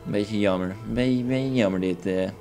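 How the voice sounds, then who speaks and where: A man's voice: on the low side, normal speed, dark tone. A young man with a Dutch accent commentating his own game playthrough in a crude, rambling, joking way. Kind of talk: casual let's play commentary. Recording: faint game music behind.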